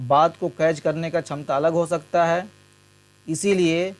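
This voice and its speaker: Man teaching an exam lesson, slightly high. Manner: explains terms step by step, mixing in Hindi and English words.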